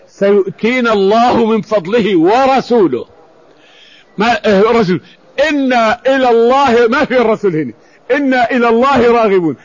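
A man preaching, telling an old story and explaining scripture, often restarting and repeating words. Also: high voice. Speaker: Islamic preacher. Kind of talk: sermon storytelling with Quran commentary. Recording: dull lo-fi radio recording.

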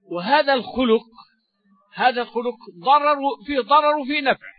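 A man giving a religious lesson, measured and explanatory, often repeating key words. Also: very high-pitched. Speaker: Quran teacher. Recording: dull lo-fi recording with faint music.

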